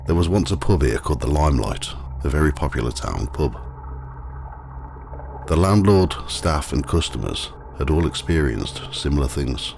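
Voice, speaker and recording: A man narrating a scripted ghost walk as the guide, telling the stories in a measured, matter-of-fact way. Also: rumbling low, lively intonation. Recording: clearly noisy, ambient sound behind.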